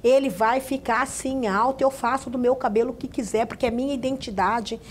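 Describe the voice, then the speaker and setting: A woman's voice: on the high side, fairly even intonation, a little fast, slight background noise. A Brazilian woman speaking as a guest on a studio talk show, making emphatic, passionate points in long run-on sentences. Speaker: guest, activist founder.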